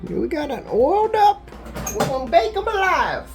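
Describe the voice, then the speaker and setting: A man putting on a high folksy old granny voice. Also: big pitch swings, normal speed, music in the background, full character voice. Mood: folksy cooing. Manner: drawling, folksy exclamations.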